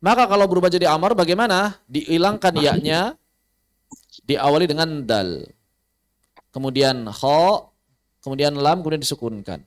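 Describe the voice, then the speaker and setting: An expressive man with a fairly high voice and an Indonesian accent runs an online recitation class, answering the questions he poses himself. He slows his speech to spell out Arabic words.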